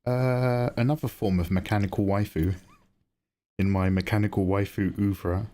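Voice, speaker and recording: A man's voice: lowish voice, fairly even intonation, normal speed, mellow. A man chatting casually on a livestream as its host, rambling and thinking aloud. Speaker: streamer and digital artist.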